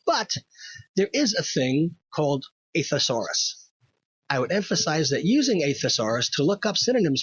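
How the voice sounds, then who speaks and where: A man's voice: a little high, slightly rough, dry recording, muffled recording. A man hosting a scripted opinion monologue, wry, wordy and pedantic. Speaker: host.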